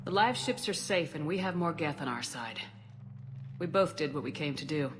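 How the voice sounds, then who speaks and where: A woman's voice: low-pitched, animated, moderate pace, big-room sound. A woman playing a composed, commanding military space commander in a video game, direct and assured with a wry edge. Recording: clear background ambience noise.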